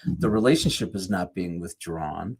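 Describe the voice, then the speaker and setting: A man's voice: low voice, moderate pace, vocal fry, a little mellow, breathy edge. A man giving a conversational sermon with jokey asides, correcting himself mid-sentence as he goes. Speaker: speaker at a live church series.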